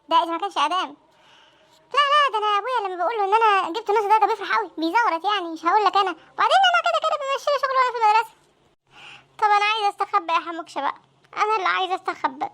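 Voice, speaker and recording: A woman with an Egyptian accent voicing panicky teenage students in a comic cartoon, talking in frantic, squeaky chatter. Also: bright, forceful tone. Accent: Egyptian Arabic. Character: panicky teenage students dreading exam results.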